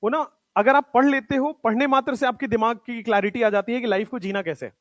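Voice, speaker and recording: A man's voice: very high-pitched, fast, a bit bright, dry recording. A man teaching a class of students, giving a motivational talk in a mix of Hindi and English and repeating his points for emphasis. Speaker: coaching teacher.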